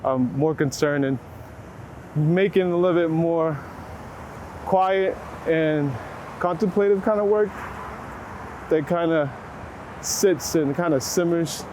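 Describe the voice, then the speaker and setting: Interviewed outdoors on a city street, a Texan man from Waco talks about his photography slowly, pausing often, his voice on the high side and a little mellow. His manner is casual, reflective, and searching, full of hedging "like"s. The recording clearly picks up street and traffic noise, with passing vehicles and city ambience.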